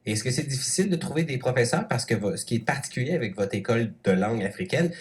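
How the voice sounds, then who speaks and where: A male radio journalist hosting an interview, asking brisk, chatty questions. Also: medium pitch, lively intonation.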